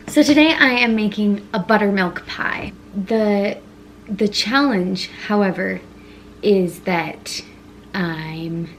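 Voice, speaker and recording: A woman's voice: medium pitch, slight background noise. A woman filming a casual baking vlog, talking to herself in a rambling, self-mocking way while reading a recipe aloud. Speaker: home baking vlogger.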